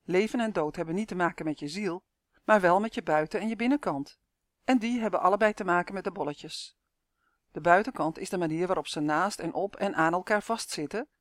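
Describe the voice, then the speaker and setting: A reader voicing Chance, a calm, wise woman who patiently explains souls, in an audiobook, recorded dry and close. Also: medium pitch, no echo, natural voice. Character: calm wise female soul-rescuer explaining. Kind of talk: audiobook character voice.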